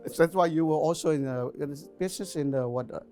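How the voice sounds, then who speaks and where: Male guest host, higher-pitched voice, fills the gaps with quick nods and prompts; faint music underneath. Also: a little mellow. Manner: frequent short backchannels and prompts. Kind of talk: conversational interview.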